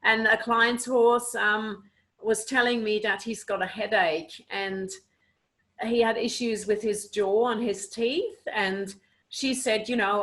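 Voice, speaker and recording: A Swiss woman, a guest animal communicator, answers interview questions over a video call. Her voice is mid-range and slightly bright, and she explains things earnestly, saying "you know" a lot.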